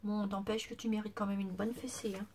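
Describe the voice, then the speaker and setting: A craft vlogger is losing her voice as she talks casually to the camera, showing off gifts she received with gushing exclamations and occasional whispers. Her medium-pitched voice is a little mellow, and her delivery is flat and fairly quick. There is slight background noise.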